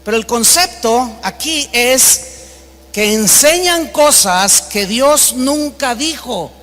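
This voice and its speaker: A Mexican man preaches with an unusually high, bright and forceful voice. He leans hard on key words and acts out the people in his stories. The sound rings with the long reverb of a big hall. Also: expressive, takes it slowly, faint music behind. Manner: emphatic preaching, acts out quoted exchanges in a raised voice. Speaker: pastor. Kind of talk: sermon.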